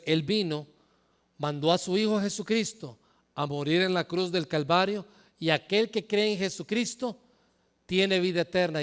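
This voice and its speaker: A man preaching a sermon, his voice riding high and bursting into loud, emphatic rises. The sound carries a long reverb that hangs in the air of a church hall. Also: clear, resonant tone. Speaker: pastor.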